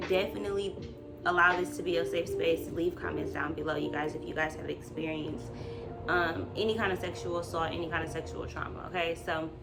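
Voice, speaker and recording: A vlog host in her twenties chats casually and confessionally to the camera, informal and slangy, hesitating as she searches for words. Her voice is fairly low and gravelly, with loud music playing behind it.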